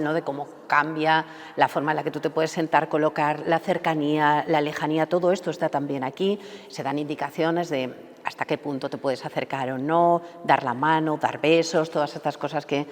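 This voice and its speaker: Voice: medium pitch, steady tone, fairly quick, in a large hall. A radio show host interviewing guests in a conversational way with frequent short affirmations.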